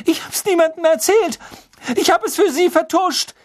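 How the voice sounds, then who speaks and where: A man reading an audiobook, voicing a frantic teenage schoolgirl who cries out shrill accusations. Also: normal speed, darkish tone, husky. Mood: shrill, accusing. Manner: shrill, crying out.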